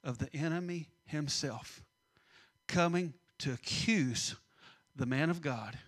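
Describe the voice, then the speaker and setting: A man's voice: a little high, slow pace. Dynamic middle-aged preacher, man. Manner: dynamic, swings from loud to hushed. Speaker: pastor. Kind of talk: sermon.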